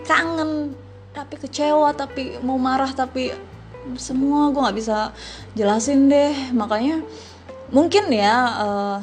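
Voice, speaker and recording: Giggly chatty woman podcaster, soft music. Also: sits high. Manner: chatty and giggly, slangy, many restarts. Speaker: podcast host answering listener questions. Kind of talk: casual podcast Q&A.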